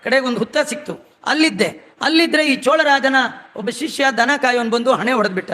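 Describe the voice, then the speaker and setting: A man's voice: extremely high pitch, fairly quick, pushed and bright. A man voicing a divine male lord who chattily and wryly complains to his son, in a devotional story. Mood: wry complaint.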